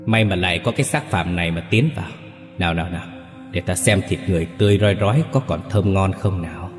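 A man's voice: deep voice, quick pace, big-room sound, natural voice. A man voicing a bloodthirsty demon that has taken over a grown son's body, in a gloomy, eerie and menacing tone, with faint music behind. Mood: gloating. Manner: gloating, menacing.

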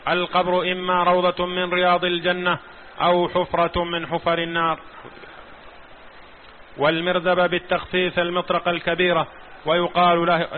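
Man reading a religious text out in class, totally flat delivery, tinny phone-like sound with faint hiss. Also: high-pitched. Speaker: student reading the text aloud.

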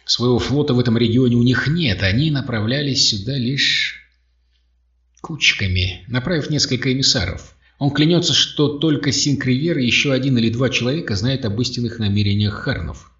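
A man's voice: medium pitch, normal speed, a bit bright, natural voice. A man reading an audiobook voices a cunning, sardonic male dictator, sly and mocking in tone. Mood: scheming. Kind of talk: audiobook character voice. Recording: dull roomy audio, distant mic.

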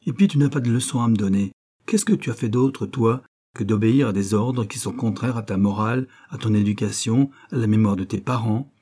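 A man's voice: on the low side, a little fast, warm tone, breathy edge. A man reading an audiobook and voicing a doctor who defends himself, pleading and combative. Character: Louis, doctor defending himself, moody and stubborn.

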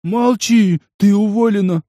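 A man's voice: sits high, normal speed, mellow, no echo, clean studio sound, voice pushed up, close to an everyday voice. A man voicing an old male cafe owner who grovels and pleads shrilly, in an audiobook. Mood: groveling.

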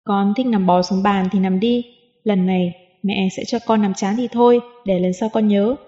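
A woman's voice: mid-range voice, fairly even intonation, normal speed, warm tone, close to an everyday voice. Stern, firm mother in a storybook reading, voiced by the female narrator; muffled, echoing sound. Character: stern strict young mother. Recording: dull lo-fi audio with long reverb.

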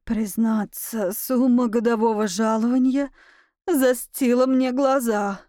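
A woman doing a squeaky, terrified male tutor. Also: steady tone, slow pace, dark tone, dry recording, studio quality. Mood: frightened. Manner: squeaky, panicky whimpering. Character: timid trembling male tutor, cowardly.

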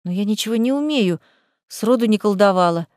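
A woman's voice: mid-range voice, animated, a little fast, a little mellow, dry recording, studio quality, natural voice. A woman reading the part of a bewildered young woman, a novice witch, who asks exasperated, startled questions. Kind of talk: audiobook character voice.

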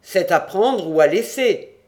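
A man voicing a gruff, blunt smuggler dressed as a bear, in an audiobook. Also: high-pitched, animated, unhurried, darkish tone.

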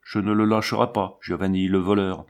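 A man reading the part of a bitter, furious older woman who shouts. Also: low-pitched, flat delivery, fairly quick. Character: furious old woman, scheming mother.

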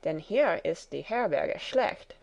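A woman voicing a sensible, encouraging old male donkey in a warm fairy tale telling. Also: lowish voice, lively intonation, slow, creaky, heavily acted. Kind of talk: storybook character reading.

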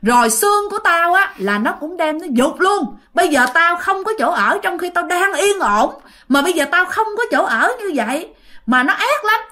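A woman voicing a centuries-old male ghost who shouts threats in a very old-sounding voice. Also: very high voice, sing-song, normal speed, pitched above the performer's own voice, exaggerated voice. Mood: furious. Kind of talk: told ghost story.

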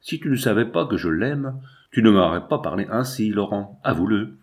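A man's voice: fairly low pitch, lively intonation, normal speed. A man reading the lines of an earnest fifteen-year-old girl who pleads and argues in grief, in a storybook reading. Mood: pleading.

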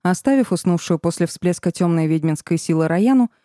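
A woman narrating a first-person fantasy audiobook in a measured, even storytelling manner. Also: on the low side, dry recording, clean studio sound.

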